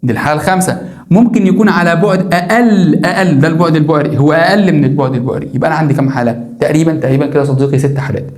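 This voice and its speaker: A male teacher with an Egyptian Arabic accent rattles through a science lesson at great speed. He repeats key words over and over and keeps firing questions at the viewer. His somewhat high voice rings in an echoey room. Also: racing, a little mellow. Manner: repetitive, emphatic, drills key words and asks the viewer questions. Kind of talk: classroom lesson explaining diagrams.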